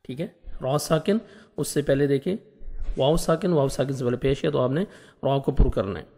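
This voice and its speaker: A man's voice: mid-range voice, dark tone, in a large hall. Patient man teaching Quran recitation. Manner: patient, step-by-step letter instruction; drawn-out melodic recitation of verses. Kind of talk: tajweed lesson, slow recitation between explanations.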